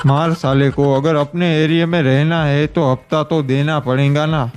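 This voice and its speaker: A man's voice: a little high, steady tone, normal speed, faint music behind, natural voice. A man voicing a menacing neighborhood gang boss who demands protection money in coarse, threatening talk.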